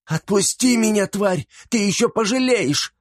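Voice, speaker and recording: A man's voice: mid-range voice, animated, moderate pace, a little mellow, no echo, studio quality, pitched above the performer's own voice, lightly acted. A man voicing an insolent, haughty young woman in an audiobook, with a scornful, brazen manner. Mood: shrieking.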